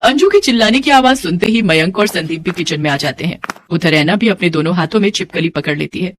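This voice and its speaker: A woman narrating a family cartoon story in an even storytelling way. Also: on the low side, a little fast, slight background noise.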